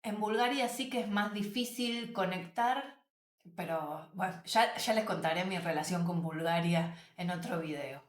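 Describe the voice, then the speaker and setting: Woman vlogger, lowish roomy voice. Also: a little slow. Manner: animated, emphatic repetition, addresses viewers directly. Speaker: travel vlogger. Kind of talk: casual storytelling to camera. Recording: roomy echo.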